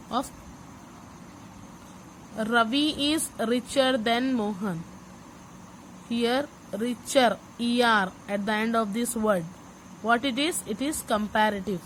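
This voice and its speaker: Slow-speaking Indian woman teaching grammar. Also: on the high side, a little hiss or hum, poor audio. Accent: Indian English. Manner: mixes English and Hindi, repeats key words, asks "understand?". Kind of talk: slow classroom explanation.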